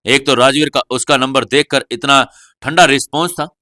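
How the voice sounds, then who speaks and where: Man reading an audio novel, steady storytelling, bright voice, super dry close sound. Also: medium pitch, moderate pace, no echo. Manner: steady storytelling, voicing every character. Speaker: narrator. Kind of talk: scripted audio-novel narration.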